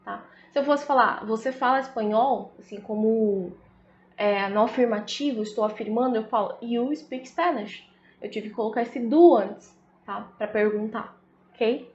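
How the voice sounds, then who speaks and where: A woman with a Brazilian Portuguese accent teaches in a casual style, slowing down to check that her listeners follow. Her voice sits a little high. The recording is roomy and a bit muffled. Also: slight background noise. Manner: explains slowly, often adds "né?" and "tá?". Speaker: English teacher. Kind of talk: casual video lesson. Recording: echoey room, slightly dull audio.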